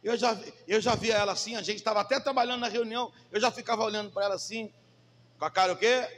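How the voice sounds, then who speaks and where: A man preaching a sermon in a high, ringing voice. He presses his points with rhetorical questions to the congregation, and his words trail off into the long reverb of a large church hall. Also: steady tone, fast talker, a bit bright. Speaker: pastor.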